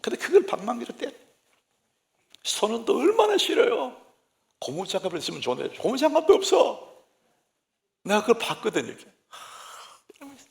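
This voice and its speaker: Gravelly, animated Korean pastor preaching. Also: male voice, sits high. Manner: lively anecdotal storytelling, humorous. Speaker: senior pastor. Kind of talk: sermon.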